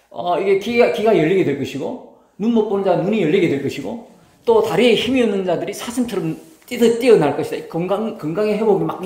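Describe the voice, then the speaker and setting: A middle-aged man, preaching a sermon as pastor, talking with the congregation and acting out quotes. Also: high-pitched. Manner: lively, talks with the congregation, acts out quotes. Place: church sanctuary. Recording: roomy church hall.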